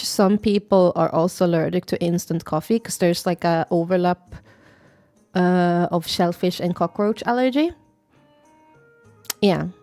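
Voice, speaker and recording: A woman VTuber chatting casually on a live stream, playful and rambling, with sudden squeaky greetings. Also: mellow. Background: faint background music.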